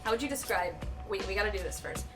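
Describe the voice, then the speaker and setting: A woman's voice: medium pitch, quick pace. A woman hosting a livestream in casual, sweary, giggly watchalong chat. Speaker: livestream host. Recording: music playing behind voice.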